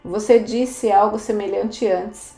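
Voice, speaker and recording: Wistful young girl, resigned, read by a woman, mellow tone, roomy echo. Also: mid-range voice, fairly even intonation, takes it slowly. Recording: roomy echo, faint music.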